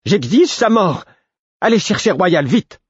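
A man reading a furious young princess, pitched well above his own husky low voice and shouting with outrage. The audiobook reading is dry and slightly dull in tone. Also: big pitch swings, a little slow, no echo, heavily acted. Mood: enraged. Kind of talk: audiobook character voice.

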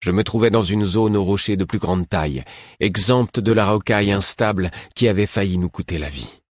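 A man reading a novel aloud in first person with a steady, measured delivery. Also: fairly low pitch, no echo, clean studio sound. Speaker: audiobook narrator. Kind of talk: scripted narration.

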